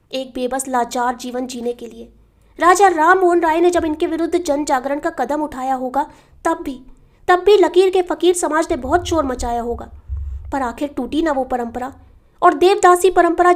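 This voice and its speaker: A woman narrator voicing a gentle husband who argues earnestly against harsh custom. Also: high voice, close to an everyday voice. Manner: earnest, persuasive, rising emphasis. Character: gentle, reasoning middle-aged husband.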